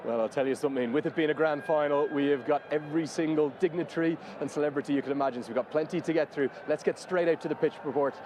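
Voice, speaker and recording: A quick-talking man with a slightly high voice anchors live cricket coverage conversationally. There is clear venue noise behind him. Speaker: sports broadcast host.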